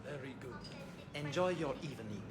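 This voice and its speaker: An actor playing a polite male restaurant host with a fake French accent, in a smooth, formal manner. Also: mid-range voice, expressive, normal speed, close to an everyday voice. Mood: courteous. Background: game music.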